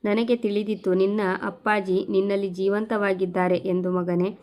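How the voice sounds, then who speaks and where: Brief: woman voicing a frail mother, soft and tender, storybook. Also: mid-range voice, flat delivery, normal speed, natural voice. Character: frail dying mother, loving.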